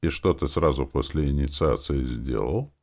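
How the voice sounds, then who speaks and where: A man's voice: rumbling low, normal speed, a little mellow. A man voicing a crude, gloating female demon in an audiobook, with a growling, sardonic way of talking. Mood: mocking. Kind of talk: audiobook character voice.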